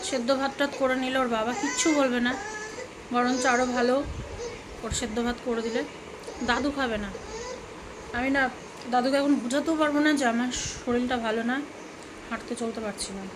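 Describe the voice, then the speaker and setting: A middle-aged woman vlogging at home in casual, soft, weary, confiding talk to the camera. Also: on the high side, fairly even intonation, fairly quick, long pauses, background noise.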